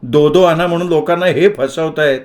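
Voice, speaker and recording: A man's voice: a little high, normal speed, close to an everyday voice. A man voicing an earnest young man from a village, pleading and protesting his innocence.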